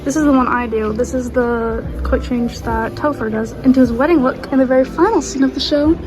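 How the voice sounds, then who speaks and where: High-voiced woman vlogging backstage. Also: brisk, low-quality recording. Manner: chatty, informal. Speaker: theatre dresser vlogging backstage. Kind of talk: casual backstage vlog. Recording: music behind the voice. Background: music.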